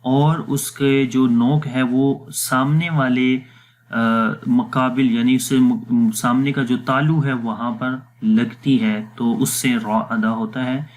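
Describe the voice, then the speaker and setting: A man teaching Quran letter pronunciation in a patient, step-by-step voice-over lesson, with slow, drawn-out demonstration syllables. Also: mid-range voice, flat delivery, darkish tone. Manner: patient step-by-step explaining, mixes English words, pauses with fillers. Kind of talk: explanatory lesson with recitation drills.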